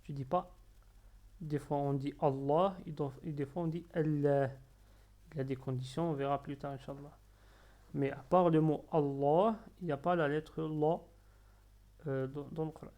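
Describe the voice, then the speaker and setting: A man teaching Arabic letters step by step, patiently drilling syllables slowly and repeating them. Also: on the high side, fairly even intonation, warm tone. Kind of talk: slow step-by-step lesson.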